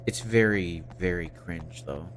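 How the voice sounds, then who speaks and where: Deep-voiced man, wry game streamer. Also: measured pace, slight background noise. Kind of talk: casual game commentary.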